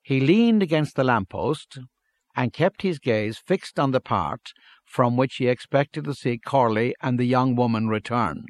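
A man narrating a story in a measured, steady reading. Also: mid-range voice, no echo.

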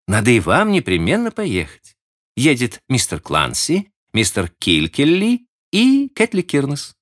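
A man reading aloud and voicing a sharp, teasing young woman with a pointed, insistent manner of questioning. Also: lowish voice, pitched above the performer's own voice, full character voice.

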